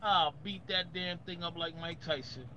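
High-voiced man, heated and profane. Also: steady tone, moderate pace, muffled recording, a loud crowd. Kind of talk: casual chat.

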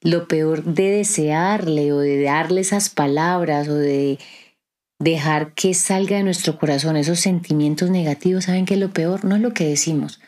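Deep and darkish at a normal speed, this woman's voice carries a reflective podcast she hosts alone. Her manner is chatty yet sermonizing, and she keeps asking her audience rhetorical questions.

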